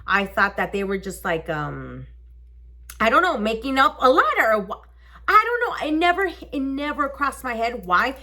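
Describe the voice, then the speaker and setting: A young woman tells a story to her viewers in a loose, chatty way, with frequent swearing and quick bits where she acts out other people. Her voice sits fairly high and rings bright. It jumps widely up and down as she goes. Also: sing-song. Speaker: storytime vlogger. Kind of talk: casual storytelling.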